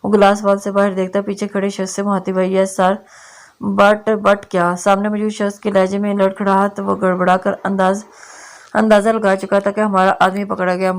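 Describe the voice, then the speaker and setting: Monotone woman reading a novel. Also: mid-range voice, brisk. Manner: steady, monotone with frequent restarts. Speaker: audiobook narrator.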